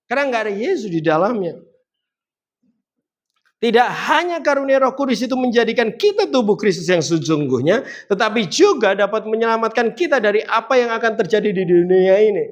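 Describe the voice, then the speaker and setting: A man delivers a sermon in a high voice. He builds emphasis as he goes, lifting his voice on the key points. He turns to the congregation with direct questions as he preaches. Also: animated, brisk.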